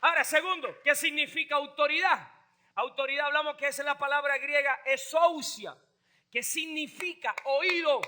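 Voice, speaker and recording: A male pastor preaching a fiery sermon, shouting and calling on the congregation to respond. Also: extremely high pitch. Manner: shouting, call-and-response, mixes in English phrases.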